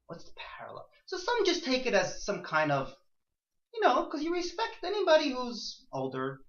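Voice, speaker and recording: In an echoey indoor room with a handful of students, an animated male teacher leads an interactive lecture. His voice is very high-pitched and he talks at a normal speed, often asking rhetorical questions and restating himself in different words. The recording sounds dull and muffled.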